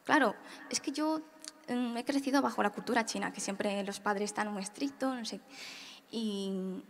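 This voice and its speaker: A woman's voice: medium pitch, moderate pace. A young woman from Spain giving a hesitant, reflective personal testimony on a church panel. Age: young adult. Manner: hesitant, many fillers, reflective. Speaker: panel speaker. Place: large congress hall. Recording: hall reverb.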